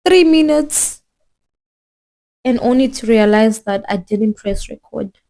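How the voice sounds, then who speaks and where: A young woman from Zimbabwe chats to her phone camera in a loose, rambling vlog style. Her voice is mellow and warm, and she keeps circling back with fillers and restarts. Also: on the high side, lively intonation, slow. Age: young adult. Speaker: vlogger. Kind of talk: casual chat.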